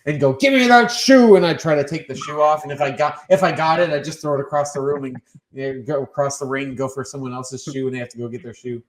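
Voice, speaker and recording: A man guest on a podcast, telling wrestling stories in casual chat and acting out his own shouted lines. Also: medium pitch, little pitch movement, fast talker, reverberant.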